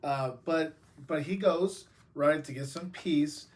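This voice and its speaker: Chatty American pastor, many fillers. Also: male voice, fairly high pitch, takes it slowly. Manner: casual, many fillers and restarts. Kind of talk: devotional talk.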